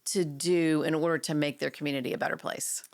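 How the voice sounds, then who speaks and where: A woman with a notably low voice hosts a podcast interview, friendly and brief in her questions and replies. The sound is dry and close to the mic. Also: little pitch movement, brisk, gravelly, darkish tone, no echo. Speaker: podcast host.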